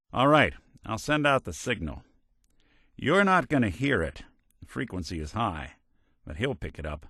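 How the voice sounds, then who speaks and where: For a noir video game, a world-weary android private eye speaks in exaggerated, old-time hard-boiled gumshoe style, gruff but decent and dryly sardonic. His low American voice rises and falls in lively swings, recorded close and dry with no echo.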